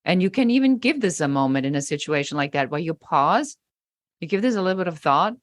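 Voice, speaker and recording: Low-voiced emphatic woman guest. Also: fast talker. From Germany. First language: German. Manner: emphatic, animated, acts out quoted remarks. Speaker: podcast guest, business coach. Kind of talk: interview conversation.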